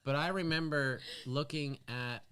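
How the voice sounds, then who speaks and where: A man's voice: a little high, measured pace, sharp tone, smooth. A man co-hosting a casual podcast chat, telling stories animatedly and swearing casually. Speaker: podcast co-host.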